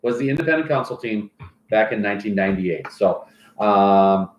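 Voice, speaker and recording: A man's voice: on the low side, expressive, moderate pace, muffled recording. A man acting as a fantasy football league commissioner, reading stats and mock sponsor plugs in casual banter. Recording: roomy echoey room.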